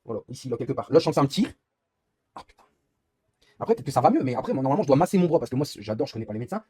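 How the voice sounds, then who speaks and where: A man's voice: medium pitch, big pitch swings, very fast, mellow, husky, no echo. A young man live-streaming while gaming, rambling in casual chat and swearing often as he complains.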